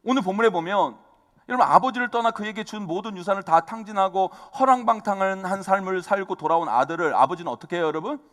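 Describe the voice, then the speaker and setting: A middle-aged man preaching a sermon as pastor, animated, calling out to the congregation again and again. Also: high-pitched, fast. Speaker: senior pastor. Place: church sanctuary. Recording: long reverb of a church hall.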